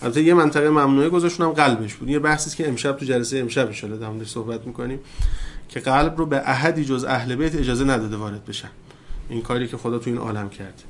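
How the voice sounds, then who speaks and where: A man teaching religion in a question-and-answer session, turning loud and emphatic as he preaches. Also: mid-range voice, a little hiss or hum.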